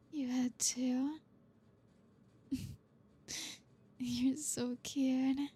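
A woman in a whispered intimate audio roleplay, speaking as a girlfriend in a soft whisper broken by frequent giggles. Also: high-pitched, breathy edge.

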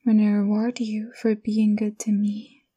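A young woman breathes her words in a husky, slow whisper, soft and close. Her tone is intimate and coaxing, with a mellow, dark color and little rise or fall. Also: medium pitch, monotone, dull audio. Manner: intimate, coaxing girlfriend address. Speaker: ASMR roleplay performer. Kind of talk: whispered ASMR roleplay.

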